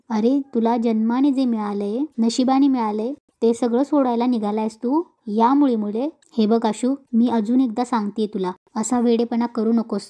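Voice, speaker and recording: A woman's voice: a little high, mellow, natural voice. A woman voicing a stern middle-aged mother who harshly refuses her daughter-in-law. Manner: harsh, unbending.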